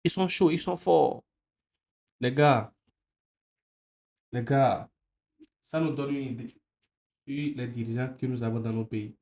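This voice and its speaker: A man's voice: mid-range voice, measured pace, vocal fry, long pauses, a little mellow. Impassioned man. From Benin. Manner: impassioned, repetitive, rhetorical questions. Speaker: video commentator. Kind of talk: political commentary monologue.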